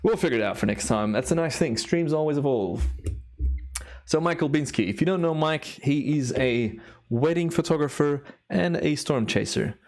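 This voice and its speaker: An animated man with a somewhat high, slightly mellow voice talks at normal speed while hosting a live stream. The timelapse photographer's casual commentary is enthusiastic and full of awe, his voice a bit worn after a long recording day.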